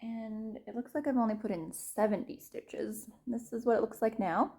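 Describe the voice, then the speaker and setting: A cross-stitch vlogger with a mellow, slightly high voice and moderate pace shows her stitching projects in a casual show-and-tell chat. She rambles and corrects herself, laughs at herself, and sometimes drops to a whisper.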